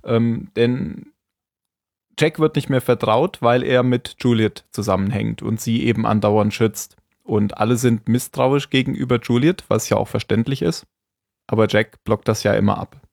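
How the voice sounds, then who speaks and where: A man's voice: mid-range voice, steady tone, normal speed, creaky, darkish tone, dry recording, clean studio sound. A man hosting a podcast, casually recapping an episode in a conversational way. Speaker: podcast host.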